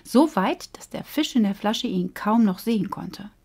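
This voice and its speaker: Woman storyteller, calm and measured, reads a fable for children and grown-ups. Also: mid-range voice, husky. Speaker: coach and storyteller. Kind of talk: storybook reading for children and adults.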